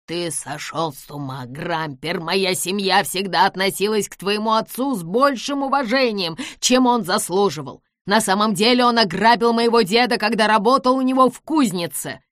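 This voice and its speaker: A woman voicing an angry, demanding grown man who shouts his threats in an audiobook. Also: sits low, slow, hardly any pauses, dry recording, studio quality.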